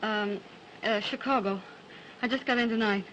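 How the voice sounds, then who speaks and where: An actress playing a lost, frightened young nursery governess who speaks hesitantly and pleadingly, in early 1930s talkie film sound. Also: female voice, fairly high pitch, steady tone, moderate pace, fairly bright tone, highs cut off, slight background noise.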